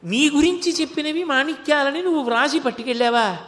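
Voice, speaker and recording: A man voicing an elderly male saint overwhelmed with devotion, who exclaims and pleads in a raised, bright voice. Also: very high voice, brisk, voice pushed up. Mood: overjoyed, awed. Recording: long hall reverb.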